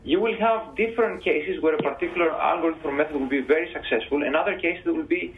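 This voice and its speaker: A man on a panel explaining his answers to audience questions in a measured, careful way. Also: fairly high pitch, slight background noise. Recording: tinny phone-like sound.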